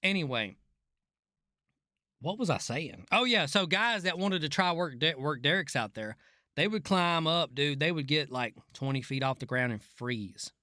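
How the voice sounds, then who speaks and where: With a slightly high, sharp-toned voice, lively intonation, and a normal speed, a middle-aged former rig worker delivers casual commentary for his reaction videos. The talk is folksy, slang-heavy, and profane, and the studio recording is clean and dry.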